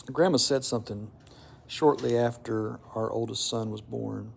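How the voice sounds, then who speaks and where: Middle aged guy w/ lots of vocal fry telling a reflective faith story, measured and pausey, bit of background noise. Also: mid-range voice, steady tone, a little mellow. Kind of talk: reflective personal storytelling with a devotional message.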